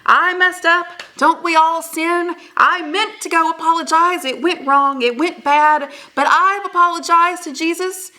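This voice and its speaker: A woman voicing a remorseful male chief who pleads with his people like a preacher, raising her pitch high. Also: fairly even intonation, unhurried, few pauses, pushed and bright, full character voice. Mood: pleading.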